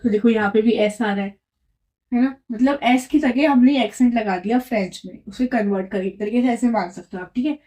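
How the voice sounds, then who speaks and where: The audio is poor, carrying a woman's fairly high, dark-toned voice at a slightly fast pace. She teaches French at a whiteboard with patience, going over points again and frequently asking "right?" to check in with the listener.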